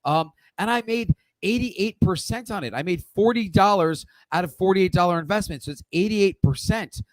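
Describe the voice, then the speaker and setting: Man, high-pitched trading-stream host, blunt and profane, dry close mic. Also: moderate pace, no echo, poor audio. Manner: blunt, swears casually, lectures the viewer directly. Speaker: stock trading livestream host. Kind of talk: live Q&A trading lesson.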